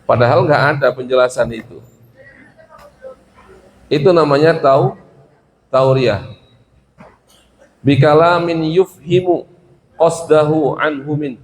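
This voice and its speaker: A man's voice: a little high, slow, pauses often, a little hiss or hum. A man teaching a religious lesson, reading Arabic phrases from a classical text, explaining them and acting out small dialogues. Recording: roomy with faint ambience.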